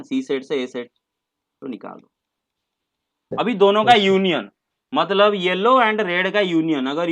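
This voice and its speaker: A man's voice: sits high, fairly bright tone. A man teaching a maths class online, patient and coaxing, mixing English terms into his talk and calling students "beta".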